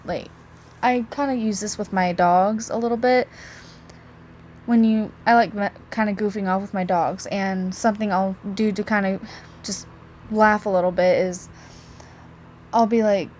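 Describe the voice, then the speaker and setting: A young adult woman gives a casual class presentation as a student, packed with "like"s, other fillers and restarts. Her medium-pitched voice has a darkish tone, with slight hiss or hum in the audio.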